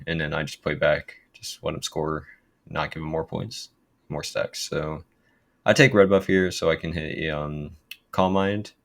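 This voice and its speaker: A young man with a very low, deep voice talks through his own match in a laid-back way. He leans on filler words and keeps a casual commentary flow as he explains his plays. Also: gravelly. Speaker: gaming YouTuber.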